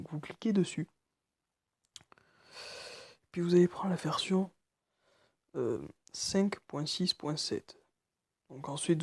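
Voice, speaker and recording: Soft-spoken, hesitant young-sounding man. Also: a little high, slightly rough, no room sound. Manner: hesitant, halting, many fillers; speaking quietly late at night. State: nervous. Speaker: tutorial maker. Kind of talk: screen-recorded phone tutorial.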